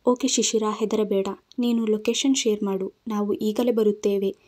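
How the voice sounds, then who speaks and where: A woman's voice: medium pitch, fairly even intonation, moderate pace, mellow, natural voice. A woman voicing an anxious young man. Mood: reassuring. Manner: urgent, then reassuring.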